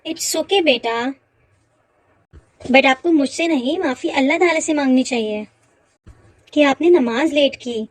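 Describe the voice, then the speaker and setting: A woman playing a gentle, pious mother who patiently teaches her son. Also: high-pitched, a little slow, long pauses, dry recording. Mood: gently teaching. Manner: patient, warmly instructive. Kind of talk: children's moral short film acting.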